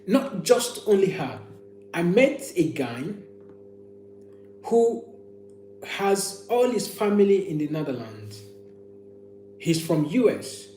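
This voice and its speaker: A man's voice: sits high, darkish tone. A man hosting a casual live chat, telling personal stories and opinions and often restating phrases for emphasis. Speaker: livestream host. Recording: echoey room with faint hum.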